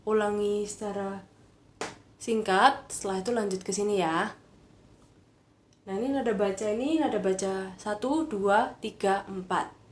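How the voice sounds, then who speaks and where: Woman, live online Mandarin teacher, slow and patient, echoey room with faint noise. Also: mid-range voice, a little mellow. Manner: patient, reads out viewer questions, frequent "sorry".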